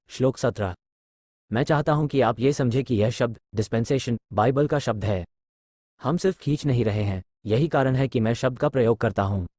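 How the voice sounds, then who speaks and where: Middle-aged guy teaching bible class, explains stuff step by step, normal pitch, dry close sound. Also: a little mellow, no room sound. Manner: instructive, explains words step by step.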